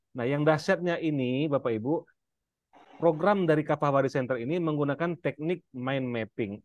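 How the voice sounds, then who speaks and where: A man's voice: medium pitch, dry recording. A man from Indonesia casually promoting an inheritance-law training course to a live audience. He addresses listeners directly and fills his talk with "nah" and hesitations.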